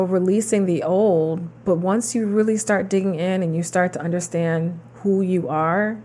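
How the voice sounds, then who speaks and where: Woman podcast co-host, lower voice, reflective and encouraging. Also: a little mellow, a little hiss or hum. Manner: reflective and encouraging, affirming with mm-hmms. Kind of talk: casual chat.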